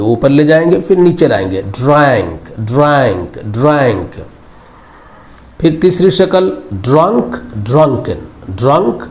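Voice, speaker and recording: A man's voice: mid-range voice, darkish tone. A man teaching English verb forms, repeating each word several times in formal, Urdu-flavoured Hindi. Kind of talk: slow recorded vocabulary lesson.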